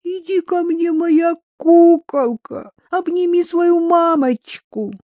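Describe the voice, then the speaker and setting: A woman's voice: very high voice, slow, mellow, no room sound, pitched above the performer's own voice. A woman voicing a drunk, self-pitying middle-aged mother who swings from lisping baby talk to bitter wailing, in an audiobook. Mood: drunk cooing.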